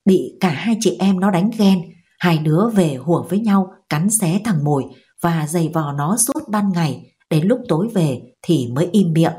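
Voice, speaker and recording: A woman narrating a novel as an audiobook in a steady, measured storytelling manner. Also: on the low side. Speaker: audiobook reader.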